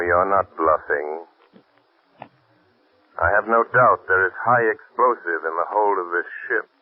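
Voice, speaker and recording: A mysterious, calm vigilante from a 1930s radio serial. His low voice is slightly husky and moves with slow, theatrical menace, through a narrow, muffled old broadcast sound. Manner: slow, deliberate, taunting, theatrical. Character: The Shadow, calm, menacing, mysterious male crime-fighter. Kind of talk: 1930s radio drama acting. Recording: muffled scratchy old radio recording, faint music.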